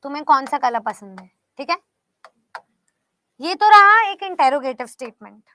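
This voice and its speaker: Woman teacher, high bright voice, goes slow and explains every step. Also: expressive. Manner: slow, explains step by step, praises students by name. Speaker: English teacher. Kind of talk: online class lesson.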